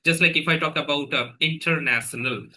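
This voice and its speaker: A man with an Indian accent talks through ideas in a very bright, sharp voice, checking in with "right?" as he goes. He is an English trainer in a relaxed podcast conversation. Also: a little high, brisk, slight background noise, low-quality recording. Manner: chatty, explains with examples and frequent "right?" tags.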